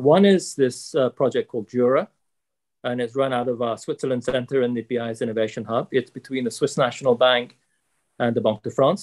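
A man in his sixties speaking as a panelist on a video call, measured and polite, with many fillers. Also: medium pitch. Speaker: panelist, central bank economist. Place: office with logo backdrop.

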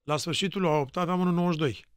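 A middle-aged man from Romania hosting a podcast, asking short questions and agreeing quickly in casual chat. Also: fairly high pitch, steady tone, clear, resonant tone, dry recording, studio quality. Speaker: podcast host.

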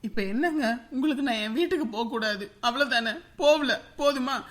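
A woman's voice: high voice, brisk, fairly bright tone. An actress playing a young wife who pleads with her husband in a family drama. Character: young wife leaving for mother's home.

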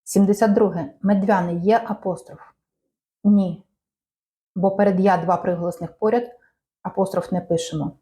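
A woman reading out language quiz questions and answers in a measured, clear teaching manner. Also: mid-range voice, steady tone, dark tone. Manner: measured, clear dictation-like delivery.

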